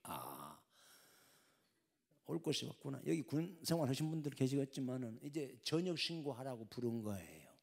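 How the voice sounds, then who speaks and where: An older man preaching a sermon, telling a story dramatically and acting out the voices, swinging from shouts to whispers. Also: mid-range voice, very animated, normal speed, gravelly. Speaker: pastor. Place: church sanctuary.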